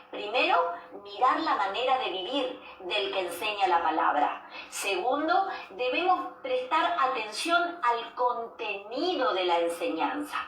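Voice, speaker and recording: Woman preacher, unhurried delivery, repeats phrases for emphasis, distant mic, faint noise behind. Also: a little high, fairly bright tone, roomy sound. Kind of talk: devotional sermon.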